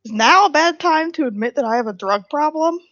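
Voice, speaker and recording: A woman's voice: high-pitched, animated, brisk, a bit bright, no room sound, muffled recording. A woman playing a tabletop roleplaying game with casual chat and improvised in-character replies.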